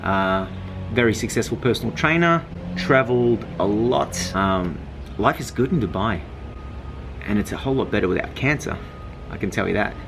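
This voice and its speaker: A man's voice: fairly low pitch, expressive, normal speed, creaky, fairly bright tone. A man with an Australian accent, casually and frankly telling his own story as a vlogger, swearing freely. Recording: noisy with vehicle hum behind.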